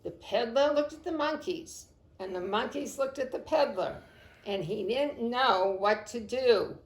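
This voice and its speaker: A woman librarian reads a picture book aloud to young children at a slow, deliberate pace. Her slightly high voice is expressive, and she praises the children by name. The sound carries a roomy echo. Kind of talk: storytime read-aloud.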